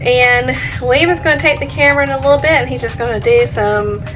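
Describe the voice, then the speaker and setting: A woman's voice: high voice, quick pace, over music. A woman chatting casually to the camera as a travel vlogger.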